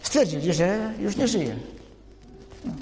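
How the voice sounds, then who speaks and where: A man preaches a storytelling sermon, chatting through family anecdotes and speaking straight to the congregation. His voice is high-pitched and a little mellow, with big pitch swings and a slow pace. There's echoey hall reverb and slight background noise.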